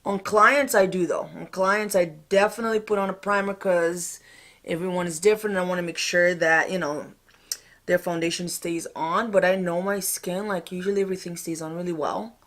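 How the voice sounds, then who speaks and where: A woman's voice: lowish voice, steady tone, moderate pace, a bit bright. A woman talking informally through a get-ready-with-me makeup tutorial, thinking aloud as she goes. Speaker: makeup vlogger.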